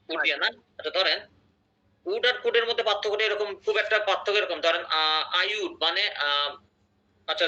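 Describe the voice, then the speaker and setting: A man runs an online English lesson. His voice sits a little high and sounds very bright and sharp. He explains patiently and keeps asking whether the class is following. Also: rough recording. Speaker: English teacher.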